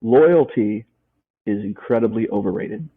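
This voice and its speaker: Low-ish, unhurried and slightly rough, this man's voice comes through a tinny phone-like line. He's interviewed as a life coach, speaking with motivational emphasis, repeating what matters most and asking rhetorical questions.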